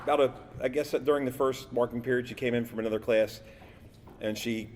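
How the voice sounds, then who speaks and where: A man's voice: medium pitch, steady tone, brisk, a little mellow, big-room sound, slight background noise. A man in his fifties, a teacher giving a loosely read award speech with jokes and stumbles. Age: 50s. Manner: jokey, loose, stumbles over words. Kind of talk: prepared award speech with asides.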